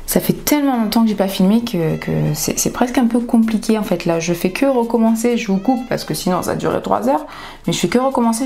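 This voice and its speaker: A woman's voice: medium pitch, creaky, warm tone. A woman beauty vlogger with a groggy morning voice, chatting casually through a makeup tutorial. She is candid and often trails off and restarts her sentences.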